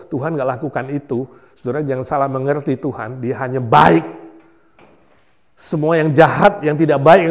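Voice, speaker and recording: A man with an Indonesian accent preaching a sermon as pastor, animated, swinging from soft to loud and mixing in English words. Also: on the high side.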